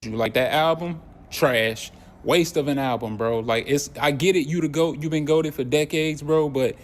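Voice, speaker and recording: A man's voice: on the high side, moderate pace. Blunt, dismissive man ranting. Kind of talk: casual video rant.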